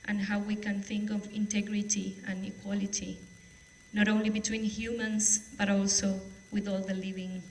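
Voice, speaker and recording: A woman from Argentina, commenting from the audience in a measured, hesitant way. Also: mid-range voice, flat delivery, a little hiss or hum, poor audio.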